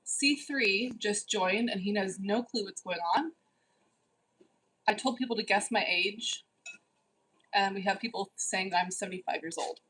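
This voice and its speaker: A woman in her forties hosts a casual livestream and reads out her viewers' comments. Her voice is husky and sits at an ordinary pitch. She teases them and firmly scolds anyone who gets out of line. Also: a little slow, long pauses, a bit bright, rough recording. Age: 40s. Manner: teasing, bossy, scolds viewers. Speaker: livestream host. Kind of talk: casual live chat reading.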